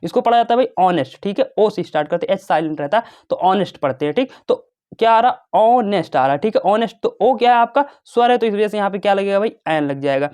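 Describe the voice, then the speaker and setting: Fast-talking chatty tutor, man. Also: sits high, expressive, darkish tone, clean tone. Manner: chatty, calls students "bhai" and "babu", asks and answers his own questions. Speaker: teacher. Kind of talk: casual classroom lesson.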